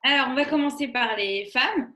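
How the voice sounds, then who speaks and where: A young woman with a high voice co-hosts a radio show. She introduces a guest and leads her with playful, lively questions. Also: moderate pace, noisy background. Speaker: co-host, columnist. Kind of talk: radio segment, leading an interview.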